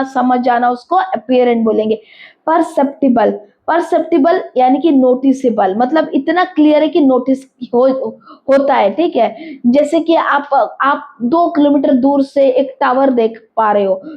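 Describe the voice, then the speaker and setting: A woman teaching an exam-prep vocabulary lesson, explaining each word with everyday examples and frequent "right?" checks. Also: sits high. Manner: explains words with everyday examples, repeats terms, asks rhetorical checks. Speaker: English teacher. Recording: slightly dull lo-fi audio.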